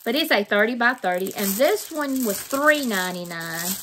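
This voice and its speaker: Her voice is a little high, lively, bright and forceful, at a moderate pace: a middle-aged woman from Mississippi with a Southern accent, unboxing craft buys for her vlog. The chat is casual, folksy and rambling, with plenty of repetition. She's in a small, plain room indoors, with noise and crinkling plastic on the recording.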